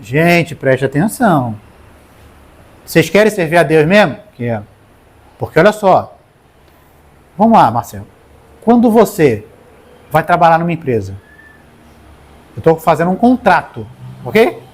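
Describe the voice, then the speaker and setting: A man's voice: a little high, a little slow, long pauses, breathy edge. A man with a Brazilian Portuguese accent preaching a sermon, calling on listeners in the congregation by name. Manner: animated, talks straight to the congregation by name.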